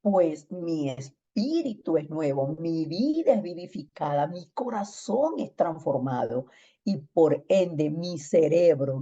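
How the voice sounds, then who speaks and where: A woman teaching a church discipleship Bible lesson, telling stories and acting out text-message exchanges in lively voices. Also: sits low, highs cut off.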